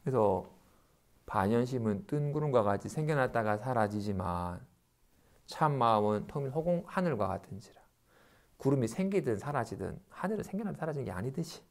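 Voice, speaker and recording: Animated Buddhist monk giving a lecture. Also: male voice, mid-range voice. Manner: animated, acts out everyday complaints in quick asides. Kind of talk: dharma lecture.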